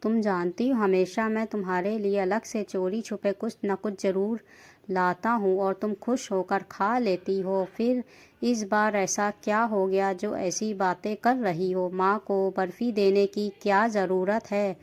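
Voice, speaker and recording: A woman's voice: medium pitch, steady tone, a little slow, darkish tone, natural voice. A woman voicing an affectionate young husband who coaxes and questions his wife. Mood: coaxing.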